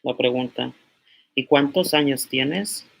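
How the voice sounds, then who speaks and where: A young man in his twenties, from Mexico, giving an informal language lesson and slowly repeating words as he writes them out. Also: mid-range voice, vocal fry, a bit bright. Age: 20s. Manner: slow, repeats words aloud while writing on a board. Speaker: language teacher.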